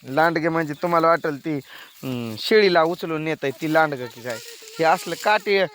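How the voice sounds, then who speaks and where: A man talking casually while working outdoors in a soybean field, often calling out loud instructions to children and helpers. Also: fairly high pitch, normal speed. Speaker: vlogger at work in a farm field.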